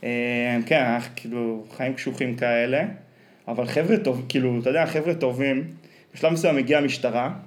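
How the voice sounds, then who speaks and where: A man's voice: mid-range voice, fairly even intonation. A man with an Israeli accent chatting casually and telling anecdotes in a rambling, colloquial way full of slang fillers.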